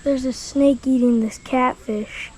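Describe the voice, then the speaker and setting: A woman vlogging outdoors by a creek, talking excitedly to the camera and exclaiming often. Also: high-pitched, measured pace, husky, poor audio. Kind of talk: casual vlog commentary. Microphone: action camera mic.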